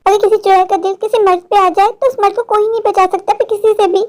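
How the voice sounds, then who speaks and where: A woman voicing a caring, chatty wife in a cartoon, who fusses, asks questions and gently scolds. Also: very high voice, steady tone, fast talker.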